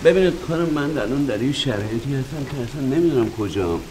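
A man's voice: mid-range voice, expressive, natural voice. An actor playing a flustered, irritable man lost in a strange house, pleading on the phone. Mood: frantic. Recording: film audio with faint rain noise. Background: rain and thunder.

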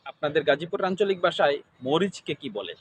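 A man's voice: on the high side, big pitch swings, fairly quick, a little hiss or hum. A man interviewing, asking the same kind of question over and over. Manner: repetitive, formulaic questioning.

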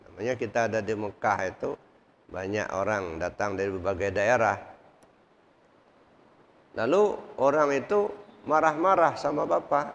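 A man delivers a sermon at a mosque study session with a rough, gravelly voice. He drives each point home through repetition and rhetorical questions to his listeners. The recording is dull and lo-fi, with a long echo from the mosque hall. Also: on the low side, a bit bright. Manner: repeats points and asks the congregation rhetorical questions. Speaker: Islamic preacher. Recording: reverberant hall, dull lo-fi sound.

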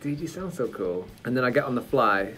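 A man casually directing a voice actor, enthusiastic and quick to laugh, acting out lines as he explains them. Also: medium pitch, expressive, a bit bright, husky. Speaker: show creator directing a voice session.

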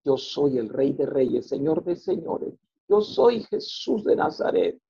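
A man voicing a solemn divine male figure, speaking slowly and gravely. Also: medium pitch, big pitch swings, dark tone, lo-fi sound, exaggerated voice. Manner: slow, solemn proclamation.

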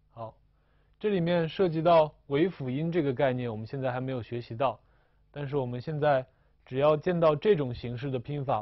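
A man teaching a recorded language lesson, explaining slowly and carefully with frequent hesitations. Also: mid-range voice, no echo, dull audio.

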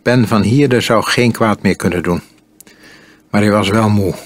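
Male audiobook narrator, calm and measured, lowish husky voice. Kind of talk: audiobook reading.

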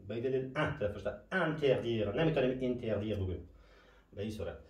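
Expressive and a little mellow, the medium-pitched voice belongs to a French teacher giving a classroom explanation. He patiently asks his own questions and answers them; the mic is distant and the room echoes.

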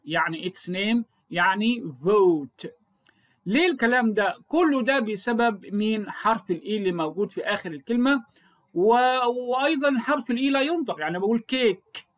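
A man's voice: sits high, fairly bright tone. A middle-aged man with an Egyptian Arabic accent, explaining a phonics lesson to teachers and answering his own rhetorical questions. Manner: asks rhetorical questions and answers them himself. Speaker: English teacher.

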